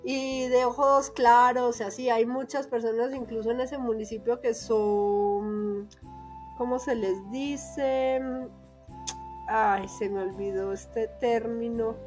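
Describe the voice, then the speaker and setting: A young woman from Colombia speaks with a paisa accent in a slightly high voice. She talks in a chatty, animated way, often laughing mid-story. Faint music plays behind her. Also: takes it slowly. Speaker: guest. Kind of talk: casual conversation.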